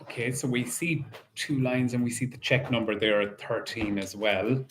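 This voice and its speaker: A man working as a bingo caller, calling out numbers in set phrases and repeating each in a measured, sing-song way. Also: medium pitch, fairly even intonation, slight background noise.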